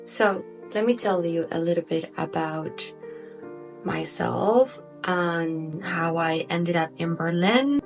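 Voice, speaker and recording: A woman's voice: on the low side, slow pace, soft background music. A woman in her twenties from Argentina, a native Spanish speaker with an Argentine accent, chatting casually in a personal vlog. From Buenos Aires, Argentina. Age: 20s. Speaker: vlogger.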